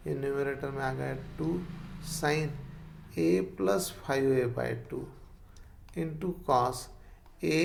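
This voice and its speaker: Slow, gravelly math teacher. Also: male voice, a little high. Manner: patient, repeats each step, checks if students follow. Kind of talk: explaining a math lesson step by step.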